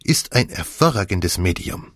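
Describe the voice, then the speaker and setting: A man's voice: low-pitched, very animated, unhurried, no echo, studio quality. A man voicing a fussy, theatrical older male detective in an audiobook, speaking in a prim, coaxing way. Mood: eager. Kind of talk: audiobook character voice.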